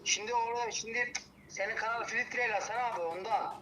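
A man's voice: very high-pitched, fairly even intonation, fast, poor audio. A man chatting casually, recorded with heavy ambient noise around him. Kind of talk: casual chat. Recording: loud background ambient noise.

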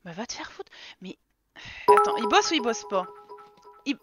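A woman's voice: on the high side, big pitch swings, moderate pace, over loud music. A woman giving casual, swear-filled commentary while playing a life-sim game live, talking to her characters. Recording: dull lo-fi stream audio.

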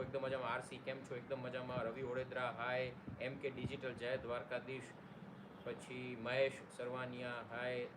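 A man hosting a casual live stream, greeting viewers by name and joking along. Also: mid-range voice. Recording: noisy room ambience.

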